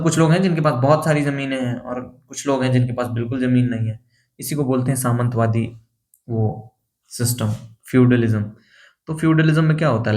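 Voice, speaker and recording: A young male teacher gives an exam-prep lecture in an easy, conversational way. His pitch sits in a middle range, and he keeps pausing to check that his students are following. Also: a little mellow. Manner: casual explaining, mixing Hindi and English terms, checking understanding.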